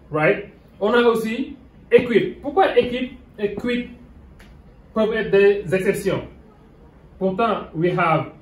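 A Senegalese man with a Senegalese French accent and Wolof as his first language gives a whiteboard grammar lesson, moving between French and English. His voice sits a little high and he speaks slowly and deliberately. He is heard from a distance in a roomy, echoing space. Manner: mixes French and English, checks in with "okay?". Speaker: English teacher. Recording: roomy sound from away from the mic.

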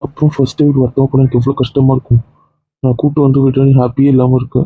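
A man's voice: medium pitch, level tone, very fast, breathy edge, no echo, narrow, tinny audio, close to an everyday voice. A man playing a caring husband who coaxes and scolds his tearful wife in a homemade skit. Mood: coaxing. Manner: coaxing, then stern threats.

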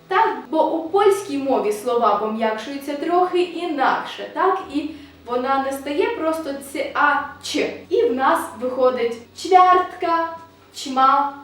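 A woman teaching a video language lesson, explaining patiently and often checking in with a quick "right?". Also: high voice, distant mic. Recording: echoey room, voice a bit off-mic.

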